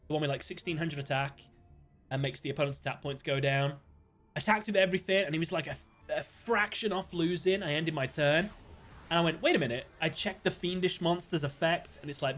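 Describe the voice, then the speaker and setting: A British man chatting casually while streaming a card game, thinking aloud, greeting viewers and breaking into sudden excited outbursts. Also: on the high side. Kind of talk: casual live-stream gameplay commentary.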